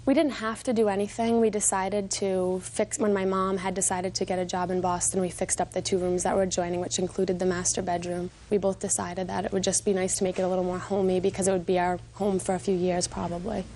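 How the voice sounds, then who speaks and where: A young woman explains her side as a plaintiff in court. Her voice sits at an average pitch, with faint noise around it. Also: level tone, fast, few pauses, warm tone.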